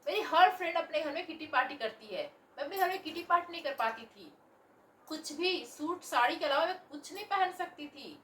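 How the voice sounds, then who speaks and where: A woman's voice: high voice, animated, a little fast, fairly bright tone, slight background noise. A woman playing a selfish young married daughter who whines and argues back at her mother in a home family drama. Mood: petulant defiant. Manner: petulant, whining, dismissive. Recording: roomy echo, voice from a distance.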